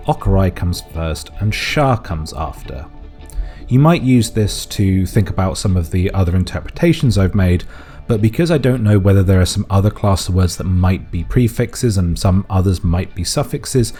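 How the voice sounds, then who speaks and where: A man's voice: low voice, darkish tone, slightly rough. A man narrating a methodical video essay, reasoning aloud and offering cautious guesses. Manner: methodical, speculative, thinking aloud. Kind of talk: analytical voice-over explainer.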